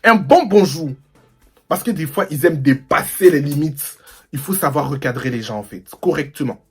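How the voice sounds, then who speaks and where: A young man from the Paris suburbs telling a slangy, animated storytime to his viewers. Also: fairly high pitch, moderate pace, husky, soft background music. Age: young adult. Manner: animated and slangy, mimics people. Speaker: vlogger. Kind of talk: storytime vlog.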